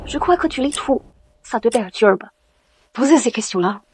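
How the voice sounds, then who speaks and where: A woman voicing a wary, sceptical child in an animated village drama. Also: a little high, normal speed, natural voice. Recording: clear background noise.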